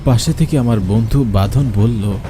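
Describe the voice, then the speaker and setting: Narrating a horror story in the first person as its lead character, a man performs theatrically and expressively. His fairly low voice moves at a normal speed against loud train noise.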